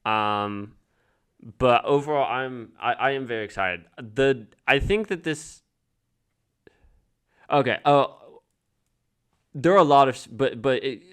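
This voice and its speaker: A man co-hosting a podcast, chatting casually in a halting way with lots of restarts. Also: mid-range voice, clean tone. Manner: halting, full of restarts and repeated "like". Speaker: podcast co-host. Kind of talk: casual chat.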